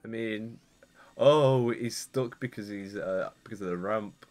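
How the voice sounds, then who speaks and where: Young guy chatting over his gameplay, rambly, gets excited fast. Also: lowish voice. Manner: chatty, rambling, excitable when things go wrong. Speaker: gaming YouTuber. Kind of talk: casual gameplay commentary.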